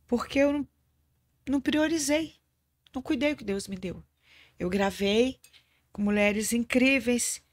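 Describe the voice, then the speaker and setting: Host role: an earnest woman giving an emotional faith testimony, mid-pitched voice. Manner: earnest, speaks of God speaking to her. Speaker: podcast host.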